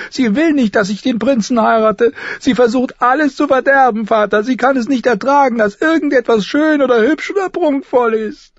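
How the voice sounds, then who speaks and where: Audiobook: man doing spoiled teen noble girl, high, whiny, pleading. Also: slightly rough, dry recording, muffled recording.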